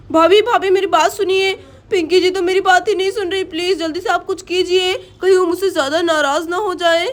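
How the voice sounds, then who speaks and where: A stressed young husband in a doll story complains and protests in a very high voice, as a woman plays him. He sounds harried and defensive throughout. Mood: apologetic. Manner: exasperated, protesting.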